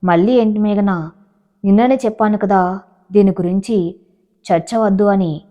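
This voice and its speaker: A woman voicing a suspicious, quick-tempered husband who talks in an irritated, scolding way. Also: mid-range voice, mellow, close to an everyday voice. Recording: dull lo-fi audio.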